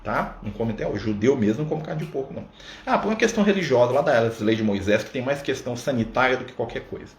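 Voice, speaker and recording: A man's voice: medium pitch, animated, quick pace. A man leading a casual Spiritist study on a live stream, talking conversationally and often adding "né?" and "tá?". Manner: conversational, full of "né?" and "tá?" asides. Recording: roomy sound with faint background noise.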